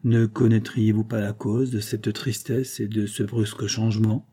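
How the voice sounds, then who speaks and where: A man's voice: fairly low pitch, flat delivery, moderate pace, mellow, breathy edge. A man voicing an anxious, tearful older mother in an audiobook reading, speaking in a pleading, emotional way.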